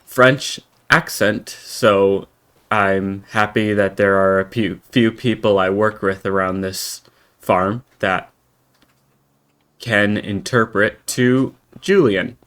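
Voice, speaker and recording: Slow-spoken American man, halting. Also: fairly low pitch, fairly even intonation, fairly bright tone, smooth. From United States. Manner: halting, rambling, many restarts. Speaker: game roleplayer and channel host. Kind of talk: in-character roleplay commentary.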